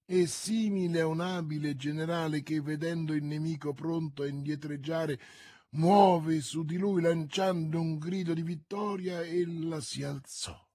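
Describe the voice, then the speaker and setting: A man narrating a classic novel as an audiobook, in a measured, theatrical reading. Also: a little high, darkish tone, husky, no room sound, studio quality. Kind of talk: dramatic literary audiobook reading.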